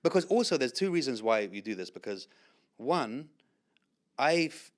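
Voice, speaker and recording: A man's voice: medium pitch, big pitch swings, normal speed. A man speaking as a podcast guest, wry and blunt, joking and saying "bro" a lot. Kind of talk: casual podcast chat.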